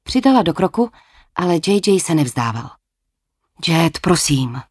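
A woman's voice: on the low side, very animated, a little mellow, breathy edge, no room sound, clean studio sound. A woman narrating a novel as an audiobook, with a wry, lightly ironic tone.

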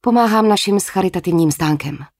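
A woman's voice: fairly low pitch, lively intonation, a little mellow. A woman voicing a young woman who answers her ex curtly and with sarcasm. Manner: sarcastic and curt.

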